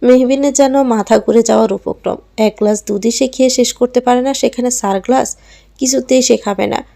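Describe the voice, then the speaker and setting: A woman's voice: a little high, fairly even intonation, normal speed, vocal fry, mellow. A woman narrating a romantic audio story, reading every character in her own voice with a touch of acting.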